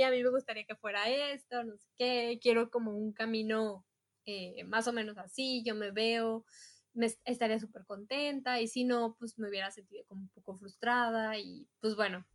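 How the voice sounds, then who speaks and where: A young woman with a Mexican accent, telling her story as a guest in a casual interview, chatty and animated, acting out what she said back then. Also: on the high side. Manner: chatty, animated, acts out her own past quotes.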